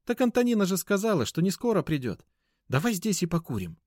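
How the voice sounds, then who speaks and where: A man voicing a lively, curious young woman in the office who talks eagerly and teases playfully. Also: sits high, brisk, no room sound, studio quality, voice pushed up. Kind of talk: audiobook character voice.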